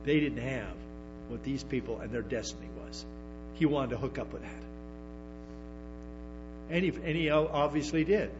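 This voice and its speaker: Speaking at normal speed in a mid-range voice, a man delivers a sermon as pastor, leaving long pauses between thoughts. Restarts and emphatic asides pepper his talk, which comes through a dull, lo-fi recording with hum and music.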